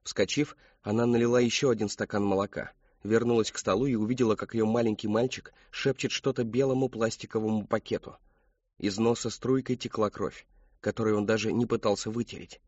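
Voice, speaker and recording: Audiobook narrator: man, low husky voice, measured, dry close sound. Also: no room sound, dull audio. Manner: measured, even reading. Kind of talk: scripted narration.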